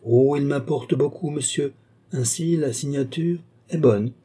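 A man's voice: mid-range voice, measured pace, mellow, husky, voice pushed up. A man reading an alarmed royal princess. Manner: agitated, exclaiming. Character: haughty aging royal princess, frightened and imperious.

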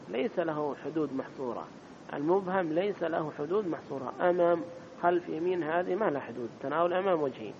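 A man teaches a classroom grammar lecture in a mosque. He repeats each key term and keeps asking his listeners short questions. The recording is dull and lo-fi, with a faint rumble behind him. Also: vocal fry.

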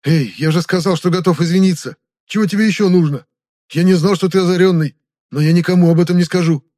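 Brief: spoiled young nobleman in a tight spot, high and shrill, blustering and begging, a man voicing him. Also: fast, darkish tone, close to an everyday voice. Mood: pleading. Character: panicking arrogant young male noble captive.

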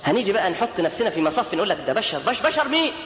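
A man's voice: high voice, big pitch swings, very fast, fairly bright tone, a little hiss or hum. A man with an Egyptian Arabic accent preaching a sermon in an emphatic way, sometimes chanting lines of verse. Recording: echoey lo-fi hall recording.

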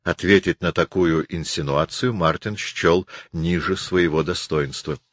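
A man narrating a novel as an audiobook, measured and expressive. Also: low-pitched, no echo.

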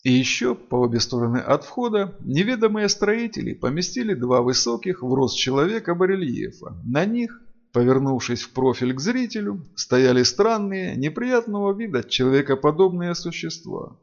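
A man narrating a fantasy audiobook in an expressive, sing-song reading style. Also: fairly high pitch, moderate pace, dull audio.

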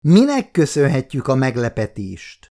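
Man voicing an elegant older grandmother, brisk, composed, dry wit, lively storybook reading. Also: extremely low pitch, full character voice. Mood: wry.

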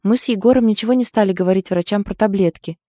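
A woman voicing an anxious, protective young female friend in an audiobook, talking in quick, worried pleas. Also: mid-range voice, mellow, no echo, clean studio sound, natural voice. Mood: alarmed.

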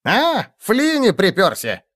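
A man voicing a shrewd, sharp-tongued male goblin who mocks and explains. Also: sits high, huge pitch swings, voice pushed up, full character voice. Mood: mocking. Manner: mocking, quick retorts.

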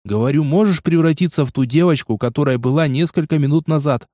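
A man's voice: fairly high pitch, quick pace, dark tone, no room sound, studio quality, close to an everyday voice. A man playing an impatient, exasperated young game player in a storybook reading. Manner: blunt, exasperated questioning.

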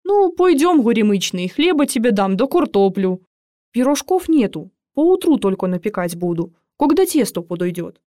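A woman reader voicing a rustic peasant nurse who scolds loudly and then softens. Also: a little high, sing-song, normal speed, dry recording, studio quality. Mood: grudgingly kind.

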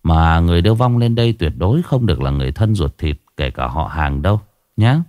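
A calm old monk speaks low and gently, taking his time over each instruction, as a man puts him on in a storybook reading. The voice is dry and close, with a lively rise and fall. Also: a little fast, no echo. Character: calm elderly male Buddhist monk.

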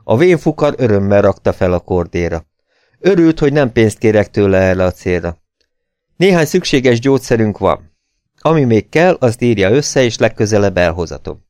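A man's voice: on the low side, big pitch swings, darkish tone, smooth, dry recording, clean studio sound. A man reading as a stern plantation manager. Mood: curt. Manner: cold, businesslike.

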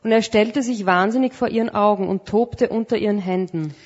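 Female interpreter, steady mid voice, relays each phrase, muffled church recording. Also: mid-range voice, fairly quick. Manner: plain, follows each phrase, some searching for words. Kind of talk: live sermon interpretation.

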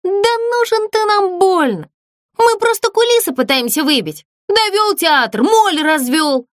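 Woman putting on a squeaky, bossy toy girl for a storybook, very dry close sound. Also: sing-song, normal speed, fairly bright tone, no room sound. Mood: teasing. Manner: squealing, teasing, very high. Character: shrill bossy boastful girl doll.

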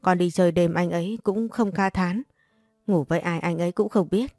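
A woman's voice: fairly low pitch, normal speed, mellow, no echo, clean studio sound, soft background music, natural voice. A woman reading as a desperate young wife. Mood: defiant.

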